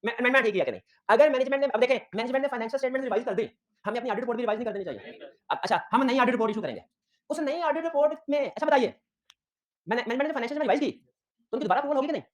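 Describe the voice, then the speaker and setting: Male audit lecturer, high voice, quick delivery, keeps checking students follow. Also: a little hiss or hum. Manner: lively teaching with personal anecdotes. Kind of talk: classroom lecture.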